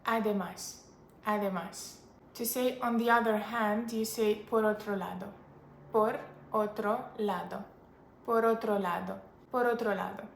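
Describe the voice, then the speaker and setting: A woman teaching useful phrases in a chatty, upbeat way, repeating each phrase slowly for her learners. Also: medium pitch, fairly even intonation, creaky, reverberant, a little hiss or hum. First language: not Spanish or English. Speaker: language teacher. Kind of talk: casual language lesson to camera.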